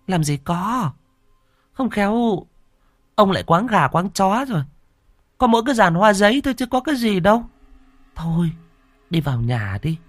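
A man voicing an elderly village wife who frets and scolds her husband in a high, shrill voice. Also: big pitch swings, dry recording. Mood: dismissive nagging. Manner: shrill, nagging, rapid scolding.

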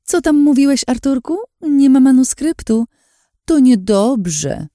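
A high, lilting villainess, put on by a woman reading an audiobook, taunting her captives with sweet menace. Her tone is dark and mellow despite the raised pitch, and the recording is close and dry. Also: sing-song, moderate pace, dry recording. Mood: mocking. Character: scheming cruel woman, mocking and gleeful.

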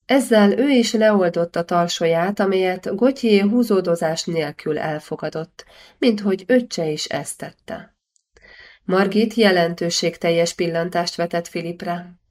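A woman narrating a historical novel audiobook in a measured, expressive storytelling manner. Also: on the low side. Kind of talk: scripted narration.

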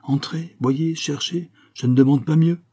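A man's voice: mid-range voice, a little fast, dark tone, slightly rough, lightly acted. A man voicing a desperate male baker who begs to be saved. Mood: protesting. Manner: frantic, pleading. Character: desperate male baker begging for his life.

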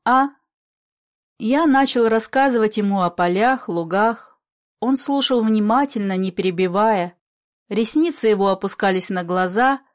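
A woman narrating a literary story in a calm, measured way. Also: mid-range voice.

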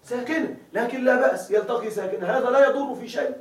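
Man, grammar teacher, very high voice, checks students follow, roomy classroom, distant mic. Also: quick pace. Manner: asks the class often if they follow; repeats key words as questions for students to answer. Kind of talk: classroom lecture.

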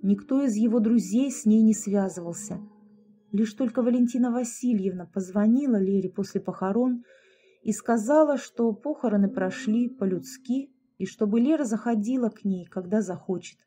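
A woman narrating a dramatic story in a calm, measured audiobook reading. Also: medium pitch. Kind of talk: scripted narration.

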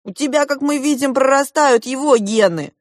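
A woman's voice: a little high, lively intonation, a little slow, dry recording, studio quality, voice pushed up. A woman reading a storybook aloud and voicing a proud, argumentative boy prince from an undersea kingdom, with a haughty, lecturing tone. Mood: earnest.

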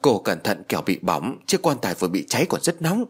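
Guy doing a calm bossy eldest uncle in a horror story. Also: lowish voice, a little fast, slightly rough. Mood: firm. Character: elder uncle, calm authoritative family head.

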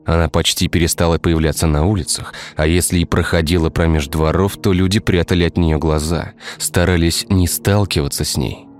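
A man narrating a dark village tale in a scripted storytelling style. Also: deep voice, fairly even intonation, a little fast, few pauses. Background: faint music.

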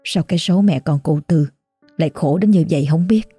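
A woman voicing a quietly grieving village wife. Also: low-pitched, fairly quick, husky, no echo, faint music behind. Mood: sorrowful. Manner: quiet, sorrowful.

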